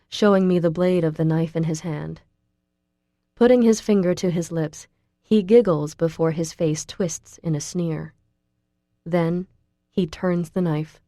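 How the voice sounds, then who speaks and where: A woman narrating an audiobook in the first person, measured and dramatic. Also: fairly low pitch, mellow, no echo, studio quality.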